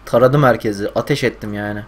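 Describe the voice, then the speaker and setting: Excitable young man streaming a game. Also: fairly low pitch, quick pace. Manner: excitable, swears, yells at the game. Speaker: gaming streamer. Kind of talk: live game commentary.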